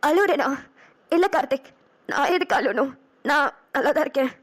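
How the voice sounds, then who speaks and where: A woman's voice: lively intonation, moderate pace. A woman voicing a heartbroken young woman in a cartoon drama, speaking in a pleading, sobbing way. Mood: tearful. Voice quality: high bright girlish voice. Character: heartbroken young woman Kanmani, tearful and hurt.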